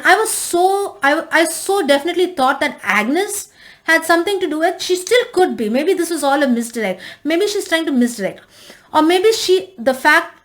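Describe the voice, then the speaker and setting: A woman's voice: sits high, a bit bright. A woman casually recapping and reviewing a TV episode, rambling with frequent restarts and fillers.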